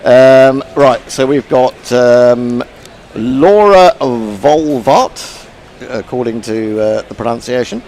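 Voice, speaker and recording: A man's voice: mid-range voice, flat delivery, a little slow, few pauses, a little mellow, a little hiss or hum. A man hosting a casual cricket commentary chat, rambling and self-mocking, tripping over long names. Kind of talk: casual pre-match chat.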